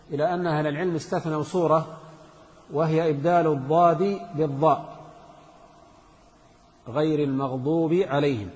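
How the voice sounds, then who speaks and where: A man teaching a jurisprudence text to students, reading a passage and then explaining it with examples and repetition. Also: a little high. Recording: dull reverberant hall sound.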